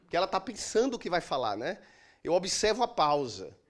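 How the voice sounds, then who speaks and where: A middle-aged man delivers a sermon from a church pulpit. His voice sits strikingly high and moves animatedly up and down. He preaches emphatically, stretching pauses and swinging between loud declarations and near-hushed lines. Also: big pitch swings. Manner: emphatic preaching with dramatic pauses and shifts in loudness. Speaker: pastor.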